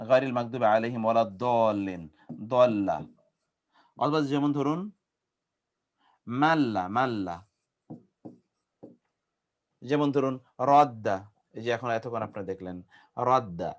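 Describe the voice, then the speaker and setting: A man's voice: mid-range voice, unhurried, long pauses. A man with a Bangladeshi accent teaching an Arabic grammar class. He spells out verb forms syllable by syllable and quizzes his students. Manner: drills conjugations, syllable by syllable, with quiz questions to the class. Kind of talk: classroom lecture.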